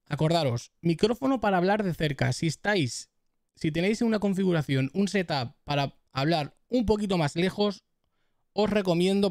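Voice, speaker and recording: A man talks viewers through microphone settings in a loose, friendly tutorial manner, calling them pals and repeating test phrases. His voice sits a bit high for a man. The sound is dry and close, from a studio dynamic mic at a home setup. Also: no echo. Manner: chatty, addresses viewers as "chavales" and "familia". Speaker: tech YouTuber giving mic setup tips. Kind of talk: casual tutorial.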